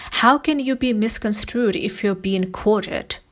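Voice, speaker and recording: A woman's voice: medium pitch, unhurried. Woman delivering critical commentary. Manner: critical, analytical, pointed. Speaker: video essay commentator. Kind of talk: scripted commentary.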